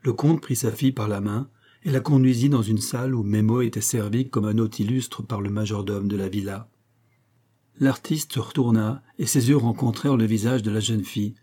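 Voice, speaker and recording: Man narrating a classic tale, dark mellow voice. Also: lowish voice. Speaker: audiobook reader. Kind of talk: scripted narration of a classic novella.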